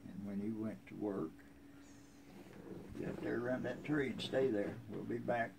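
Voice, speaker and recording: With a lowish, gravelly voice and fairly even intonation, a man in his seventies unhurriedly reminisces about his family. He speaks casually in a folksy, plainspoken rural American accent on a covered wooden porch. A handheld phone a few feet away captures him, along with outdoor ambient noise.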